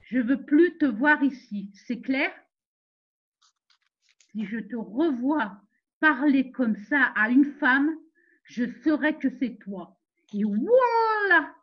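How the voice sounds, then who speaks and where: A woman's voice: high-pitched, very animated, slow pace, lo-fi sound, full character voice. A woman playing a fierce, protective mother who gives orders and scolds a man in an amateur theatre web series. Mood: scolding. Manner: commanding, scolding, defiant.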